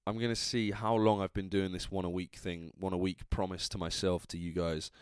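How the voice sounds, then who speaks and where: Drunk, rambling Englishman with low clear voice. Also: level tone, fairly quick, no echo, studio quality. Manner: rambling, trailing off, self-interrupting. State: drunk, tipsy. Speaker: podcast host. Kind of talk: casual solo podcast chat.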